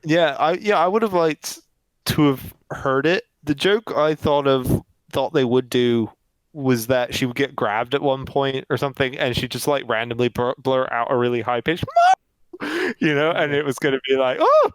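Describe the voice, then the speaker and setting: A man co-hosting a casual film review podcast, animated and opinionated, often laughing. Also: mid-range voice, normal speed, clear, resonant tone, no room sound, low-quality recording. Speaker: podcast co-host.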